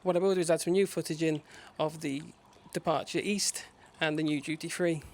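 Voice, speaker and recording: A man's voice: fairly high pitch, steady tone, a little fast, a little mellow. A man narrating a casual travel vlog to viewers. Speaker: travel vlogger.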